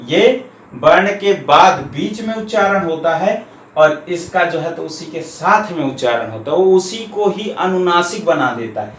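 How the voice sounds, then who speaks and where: A man with a slightly high voice and lively intonation teaches grammar, patiently covering each point and going over key terms slowly. His recording has an echoey room sound and a faint hum.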